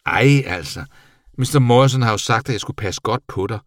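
A man's voice: medium pitch, no echo, studio quality, far from the mic, voice pushed up, natural voice. A man voicing a kind, anxious young boy in an eager, worried voice.

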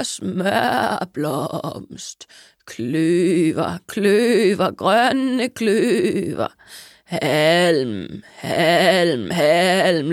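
A woman voicing a flock of greedy sheep in a low, repetitive sing-song chant. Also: no echo, clean studio sound.

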